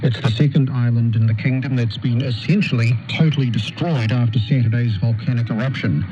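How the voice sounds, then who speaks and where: A man with a New Zealand accent reads a scripted radio news bulletin in a mid-range voice at a fairly quick pace. It comes through noisy, dull shortwave radio reception.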